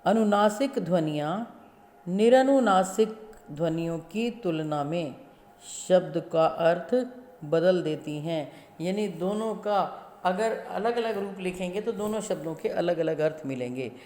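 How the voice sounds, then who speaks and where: Woman schoolteacher, steady classroom lesson delivery, very slow pace, echoey room. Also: fairly low pitch. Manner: slow, deliberate, spells out sounds syllable by syllable. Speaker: school Hindi teacher. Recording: echoey room with long reverb.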